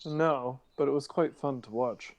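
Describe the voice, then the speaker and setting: Young man, gravelly, dry self-assured tone, tabletop game player in character. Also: medium pitch, measured pace, dull audio.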